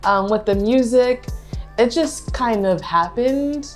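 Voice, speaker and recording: A young woman from Pennsylvania, a guest in a relaxed interview, talking with frequent "um"s and laughs. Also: on the high side, takes it slowly, soft background music. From Pennsylvania, United States. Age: young adult. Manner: chatty, laughs often, fillers like um and you know. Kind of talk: casual interview chat.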